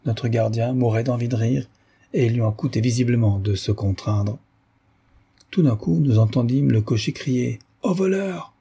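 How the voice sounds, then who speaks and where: A man reading a classic novel aloud in measured, literary narration. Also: mid-range voice, steady tone, vocal fry, warm tone, breathy edge. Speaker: audiobook reader. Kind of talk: scripted narration.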